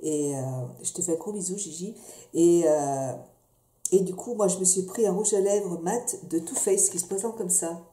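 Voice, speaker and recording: A woman's voice: on the low side, normal speed, warm tone. A woman casually reviewing beauty products at home, chatty and hesitant, with many fillers and restarts. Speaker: beauty vlogger. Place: home room. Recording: echoey room with faint noise.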